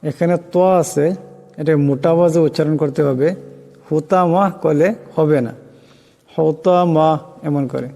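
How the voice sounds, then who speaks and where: A man teaches Quran recitation, chanting each verse very slowly and melodically before explaining the rules briskly. His voice is fairly high but mellow, and a long reverb with faint music trails behind it. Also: fairly even intonation, gravelly.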